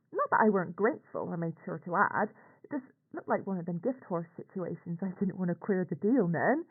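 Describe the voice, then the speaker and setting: A medium-pitched actress voices a middle-aged, working-class aunt from the North of England, a nurse who is anxious and ashamed as she recounts events. It's a scripted confessional monologue for a horror audio log, delivered haltingly and colloquially. A radio- or telephone-like filter makes the recording tinny and band-limited.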